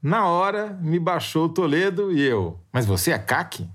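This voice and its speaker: Lively, jokey Brazilian man on a podcast. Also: on the high side, moderate pace. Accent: Brazilian Portuguese. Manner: jokey, theatrical, self-mocking. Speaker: podcast co-host. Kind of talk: casual political chat.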